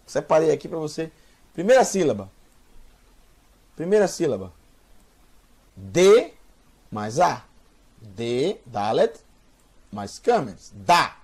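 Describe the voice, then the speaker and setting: A man's voice: on the high side, sing-song, slow pace, pauses often, darkish tone, breathy edge. A man giving a beginner's language lesson, patiently sounding out words and repeating them for learners. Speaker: teacher. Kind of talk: slow spoken language lesson.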